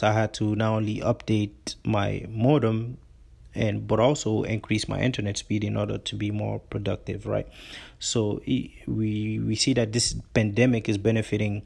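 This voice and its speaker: Earnest male podcast host, low voice with vocal fry, explainer tone. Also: a little mellow. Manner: earnest, explanatory, repeats words when restarting. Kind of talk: solo finance podcast.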